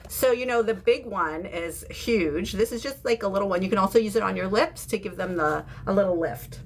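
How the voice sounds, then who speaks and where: In clear audio with background noise and room ambience, a livestream host chats casually with viewers about beauty. She's in her fifties, from the UK but living in San Francisco, and has an American accent. Her mid-range voice is brisk and informal.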